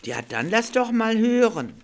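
A woman's voice: fairly high pitch, sing-song, unhurried, pitched above the performer's own voice. Woman reading a friendly jolly Saint Nicholas. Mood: praising. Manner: friendly, praising.

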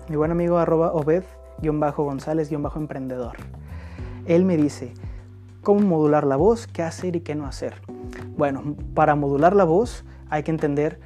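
A man hosts a podcast, reading listener questions aloud and coaching his audience through the answers. His voice is warm and mellow, and his delivery is easygoing. Faint music plays underneath. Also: a little high. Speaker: podcast host. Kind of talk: casual advice podcast.

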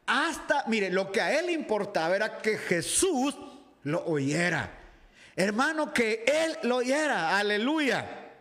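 High-voiced animated Ecuadorian pastor. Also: male voice. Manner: animated, acts out the crowd and shouts in the story; reads out viewers' comments and greets them by name. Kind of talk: livestreamed sermon and Bible reading. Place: home, dressed casually for a live video.

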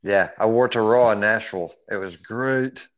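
A man's voice: fairly low pitch, normal speed, no room sound. Male podcast co-host, playful and jokey, dry close sound with a muffled lo-fi quality. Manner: joking, playful, laughs often. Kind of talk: casual podcast chat. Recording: dull lo-fi sound.

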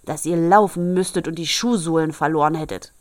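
A woman's voice: medium pitch, lively intonation, normal speed, dry recording, clean studio sound, voice pushed up, close to an everyday voice. A woman voicing a bad-tempered, grumbling male dwarf who screeches and scolds in a storybook reading. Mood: scolding.

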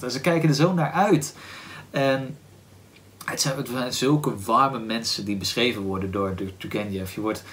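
A man with a Dutch accent hosting a book podcast, talking casually and thoughtfully, often pausing to search for words with "ehm" and restarts. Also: mid-range voice, a bit bright. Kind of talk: casual book discussion with read-aloud passage.

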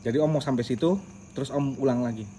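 A man who leads a casual Quran study group, talking in a lively way, slipping in English words and calling his listeners by their nicknames. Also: mid-range voice, fast talker, slight background noise. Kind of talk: casual religious study talk.

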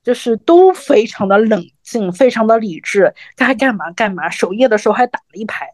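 A woman's voice: fairly high pitch, animated, moderate pace, a little mellow, dry recording, clean studio sound. A woman in her thirties co-hosting a podcast, telling a personal story in a reflective, conversational way. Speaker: podcast co-host.

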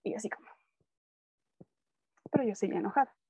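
Animated young Mexican woman, mellow tone. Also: medium pitch, brisk, husky, no room sound. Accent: Mexican Spanish. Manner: animated storytelling, acts out dialogue. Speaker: guest sharing testimony. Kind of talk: personal faith testimony, casual chat.

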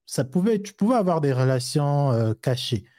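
A man co-hosting a live discussion show rambles loosely, full of fillers and restarts, explaining things through everyday examples. His voice is a little high, very animated and dark-toned, at a moderate pace, recorded cleanly in a studio with no room sound.

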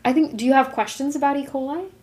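A young woman co-hosting a podcast in casual chat, lively and quick to laugh. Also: high voice. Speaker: podcast co-host.

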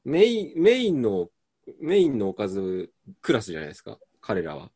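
A man with a fairly low, husky voice and a very lively pitch range co-hosts a casual comedy chat. He is easygoing, backs up his partner with short replies and slips in dry asides of his own. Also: a little fast. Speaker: co-host.

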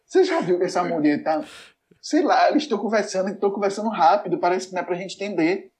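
A man with a Brazilian accent telling a story in a casual chat, animated and laughing often as he acts out the dialogue. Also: high-pitched, fast.

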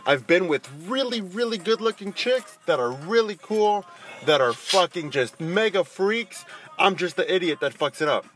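A man's voice: sits high, animated, moderate pace, fairly bright tone. A man talking like a cocky frat bro in a casual podcast chat, full of slang and swearing. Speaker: podcast co-host.

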